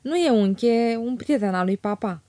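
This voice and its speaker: A woman voicing a lively, teasing young woman in an audiobook, her tone lifted and bright with chatter. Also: fairly high pitch, no echo, studio quality, close to an everyday voice. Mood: chatty. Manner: bright, teasing, quick to laugh.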